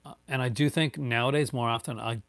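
With a steady, fairly bright mid-range voice and no room sound, this man in his forties talks fairly quickly. A YouTuber from Newfoundland, Canada, with a light accent, he answers viewer chat on a home live stream in front of bookshelves, meandering casually through fillers and restarts.

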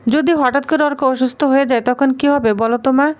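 A woman's voice: high voice, fairly even intonation, fast, smooth, close to an everyday voice. A woman reading the lines of a guarded, worried young man in a serial recap.

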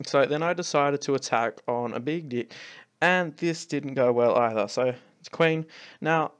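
Man, casual gameplay commentary, exasperated ranting, swears a lot, middle pitch. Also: a little slow, smooth. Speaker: clan leader and channel host.

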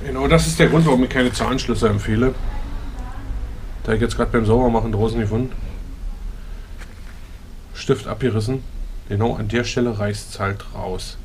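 A man's voice: mid-range voice, fairly even intonation, moderate pace, long pauses, darkish tone. A man, giving casual hands-on commentary as a bike mechanic vlogger. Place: bicycle workshop. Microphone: action camera nearby. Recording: noisy action-camera sound.

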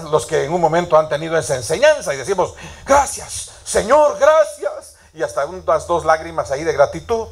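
A man delivers a sermon in a high-pitched voice. He tells stories and often turns to ask his listeners questions. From Latin America. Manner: storytelling, asks the congregation questions. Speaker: preacher.

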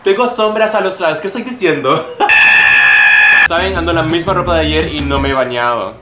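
A man's voice: on the high side, fast, echoey room, heavy background noise. A man vlogging an unboxing in a casual, joking, self-mocking way, rambling as he goes, filmed on a phone. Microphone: phone camera.

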